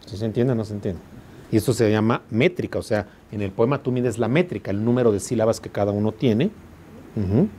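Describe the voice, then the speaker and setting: A man's voice: fairly low pitch, fairly quick, warm tone, slight background noise. A man with a Mexican accent teaching a class, explaining patiently and often asking the students if they follow. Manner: explains patiently, checks understanding with constant questions. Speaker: law school teacher. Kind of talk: classroom lecture.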